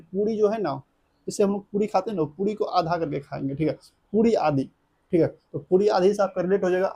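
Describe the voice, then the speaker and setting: A high-voiced man, teaching an exam coaching lesson. He chants a memory phrase again and again, checking that his students are with him. His tone is mellow and a little husky. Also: lo-fi sound. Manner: drills the class with repeated chanted phrases; keeps checking in with the class, asking if they follow.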